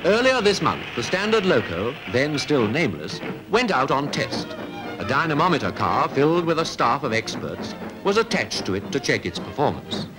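A man's voice: mid-range voice, very animated, moderate pace, music in the background, poor audio. Man narrating an old newsreel. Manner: crisp, declamatory announcing.

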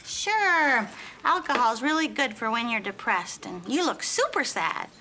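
An actress playing a chirpy, tactless, dim young bartender in a sitcom. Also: female voice, fairly high pitch, sing-song, measured pace, sharp tone, slight background noise, full character voice. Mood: chirpy, blunt. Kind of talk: sitcom acting.

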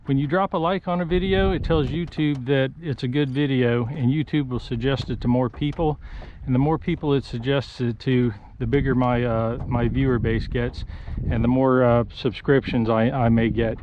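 A man, talking casually to viewers while fishing from a small boat on a marsh, folksy and excited. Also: medium pitch, normal speed. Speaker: fishing vlogger. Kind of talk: casual play-by-play fishing vlog. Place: small boat on open marsh water, outdoors. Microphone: chest-mounted action camera. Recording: slightly dull action-camera audio with faint water noise.

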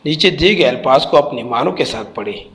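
A man's voice: medium pitch, lively intonation, a little fast, fairly bright tone, rough recording. A man teaching a textbook lesson, spelling out letters and repeating each word carefully.

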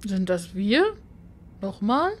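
A woman's voice: medium pitch, very animated, takes it slowly, slight background noise. A woman gamer giving casual let's play commentary, reacting aloud in short asides.

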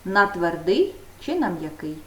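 A woman teaching a primary school grammar lesson, dictating slowly and stretching out the key words for the pupils. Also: fairly low pitch, big pitch swings, fairly bright tone, recorded from a distance. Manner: slow, drawn-out emphasis on case questions. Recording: echoey room, voice from off-mic.

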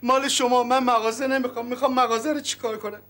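A remorseful swindler in a TV comedy, his voice very high and held flat. He insists over and over on his own guilt. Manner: contrite, insistent. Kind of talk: TV sitcom acting.

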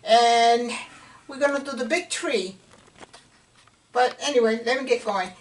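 A woman's voice: fairly high pitch, a little slow. Chatty woman teaching painting, slightly distant. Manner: encouraging, chatty, drops to whispers while painting. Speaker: painting instructor. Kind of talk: casual painting tutorial. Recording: distant camera mic with faint room noise.

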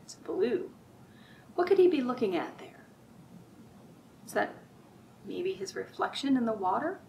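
Recorded on a distant mic with audible room noise and a lo-fi sound, a middle-aged librarian runs a children's storytime in a bookshelf-lined room. She speaks a little high, very animated and unhurried, with vocal fry. Using simple language, she reads, chats and keeps asking the kids easy questions.

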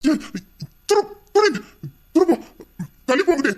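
A woman voicing a gruff, threatening male businessman who barks commands in an animated story. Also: extremely high pitch, unhurried, heavy background noise. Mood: shouting. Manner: barking, menacing commands.

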